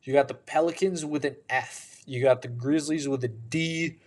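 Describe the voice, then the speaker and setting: A tired man hosting a podcast, giving opinionated casual sports commentary with a drawn-out delivery. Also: mid-range voice, a little mellow. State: tired, yawning. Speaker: podcast host.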